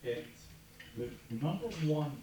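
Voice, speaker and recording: A man's voice: medium pitch, lively intonation, takes it slowly, noisy background. A man from Greece with a Greek accent, speaking as a panelist with hesitant fillers. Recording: echoey hall from far off.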